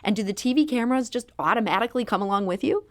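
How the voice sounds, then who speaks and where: A woman's voice: fairly high pitch, rapid-fire, no room sound. A woman hosting a radio talk show, reading introductions and putting questions to guests. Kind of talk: scripted introductions and interview questions.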